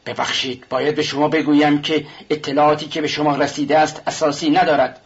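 A man's voice: a little high, flat delivery, husky, dull audio. A man doing a pompous, offended suitor. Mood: indignant.

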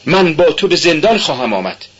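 Male reader doing a desperate young woman in a lo-fi radio reading, raised and forceful. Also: sing-song, slight background noise. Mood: distraught. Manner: high pleading cries.

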